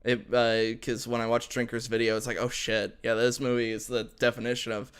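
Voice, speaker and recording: A man co-hosting a podcast, chatting casually in an animated, teasing and profane way. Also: medium pitch, a little fast, smooth. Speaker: podcast host. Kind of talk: casual chat.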